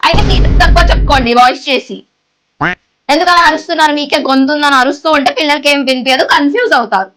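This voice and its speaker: A woman playing a sharp-tongued schoolteacher who mocks and argues with her rival. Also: high voice, very fast. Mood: sarcastic. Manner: sarcastic, mocking retorts. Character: sharp-tongued young female teacher, mocking rival. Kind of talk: comedy sketch acting.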